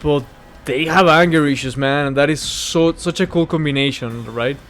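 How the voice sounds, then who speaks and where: A man's voice: a little high, moderate pace, a bit bright. A man giving casual, rambling game commentary while he plays, easily sidetracked by the action. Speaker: gaming video host. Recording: clear background game noise.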